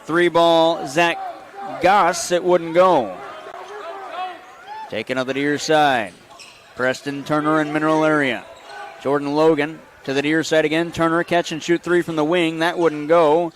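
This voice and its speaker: A man giving brisk basketball play-by-play commentary in short bursts, calling each play as it happens. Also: on the high side, steady tone, slight background noise. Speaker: play-by-play announcer.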